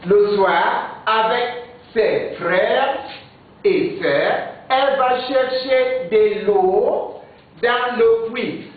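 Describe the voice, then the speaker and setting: A man with a Nigerian accent teaching a French lesson, repeating words slowly for pupils to learn. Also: high voice, a little hiss or hum. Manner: slow, repeating words for drilling. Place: school classroom. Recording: distant, echoey, phone-like audio.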